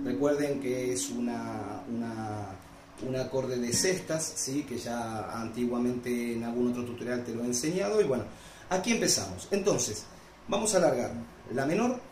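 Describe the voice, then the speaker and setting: A man's voice: medium pitch, echoey room. A man with an Argentine accent teaching a folk guitar piece in a casual tutorial, patiently checking in with the viewer after each step. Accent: Argentine Spanish.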